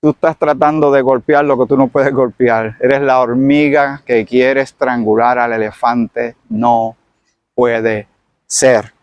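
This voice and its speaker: A man's voice: mid-range voice, flat delivery, slow, no room sound, lo-fi sound. A man teaching from the Bible in a sermon style, retelling the scene dramatically and acting it out. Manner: dramatic storyteller who acts out the scene.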